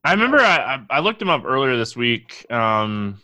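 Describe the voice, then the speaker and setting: A man co-hosting a casual sports podcast, his voice bright and forward. He talks in a halting, filler-heavy way and often restarts his sentences. The recording is dry and close, with no room sound. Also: medium pitch, big pitch swings, no room sound. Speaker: co-host.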